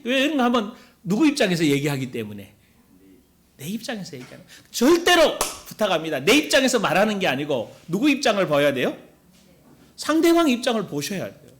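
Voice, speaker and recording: A pastor in his middle years delivers a sermon in a chatty back-and-forth way, tossing questions to his listeners and playing out grumbles in little voices. His voice sits high for a man and swings widely up and down. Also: fairly bright tone. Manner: conversational preaching, asks the congregation questions and acts out quoted complaints.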